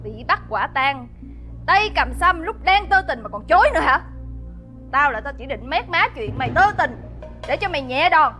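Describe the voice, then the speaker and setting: Scheming jealous young wife, very high voice, begging and teary, faint music. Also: female voice, animated, normal speed, pushed and bright. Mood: accusing. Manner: pleading, tearful.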